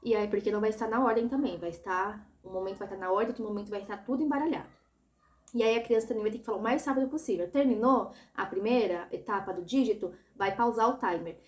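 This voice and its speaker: A woman explaining an assessment step by step, patiently and often checking that the listener is following. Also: medium pitch. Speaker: educator explaining a child assessment. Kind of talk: instructional tutorial.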